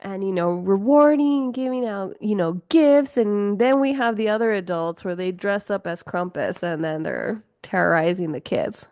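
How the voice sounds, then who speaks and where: A woman's voice: medium pitch, normal speed, a little mellow, smooth, no room sound, studio quality. A woman hosting a podcast on her own, talking casually with lots of fillers, swearing and laughing often. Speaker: podcast host. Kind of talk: casual solo podcast chat.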